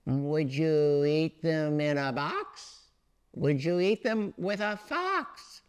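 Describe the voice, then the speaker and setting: Man putting on a high, pesky, eager storybook Sam. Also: animated, slow pace, clear, resonant tone. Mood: eager coaxing. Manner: coaxing, singsong questioning.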